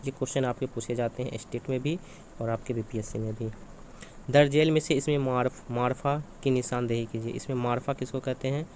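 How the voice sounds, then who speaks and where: A man's voice: medium pitch, steady tone, fairly quick, a little mellow, a little hiss or hum. A man teaching exam preparation, walking through questions and answers in a repetitive question-and-answer manner. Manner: repetitive, asks and answers his own questions.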